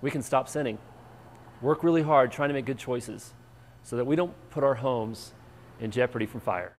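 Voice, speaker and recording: A man preaching as pastor and show host, telling stories with animated emphasis. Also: medium pitch, moderate pace. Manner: animated storytelling, lively and emphatic. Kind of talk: energetic sermon. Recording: echoey church hall.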